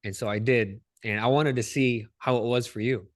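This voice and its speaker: A man hosting a podcast interview in casual, energetic chat, calling his guest "dude" and "man". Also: medium pitch, moderate pace, dry recording, clean studio sound. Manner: energetic, slangy, says "dude" and "man" a lot. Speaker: podcast host.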